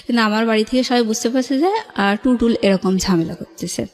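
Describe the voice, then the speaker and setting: A woman's voice: on the high side, brisk. A young woman telling her own life story on a call-in show, rambling with many fillers and restarts. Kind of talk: casual storytelling on a radio call-in.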